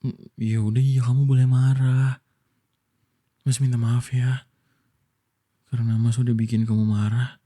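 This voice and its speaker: A man from Indonesia doing a whispered boyfriend role-play, soft and coaxing as he soothes his partner. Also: medium pitch, level tone, measured pace, long pauses. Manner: soft, coaxing, affectionate toward listener.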